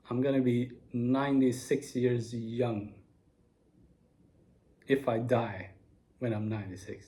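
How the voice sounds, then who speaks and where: A man in his forties talks in a slow, unhurried monologue at a middle pitch. He sounds earnest and reflective, and soft laughs slip in now and then. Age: 40s. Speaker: video speaker.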